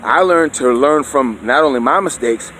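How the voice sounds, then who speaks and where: A man's voice: mid-range voice, moderate pace, sharp tone, a little hiss or hum. Preachy man lecturing with asides. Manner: preachy and conversational, keeps asking "you know what I'm saying". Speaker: vlogger. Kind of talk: opinion monologue.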